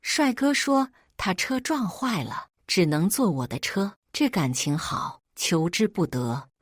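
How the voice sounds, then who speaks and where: A woman narrating a first-person drama story in a playful, lively way. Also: medium pitch, measured pace, dry recording, studio quality.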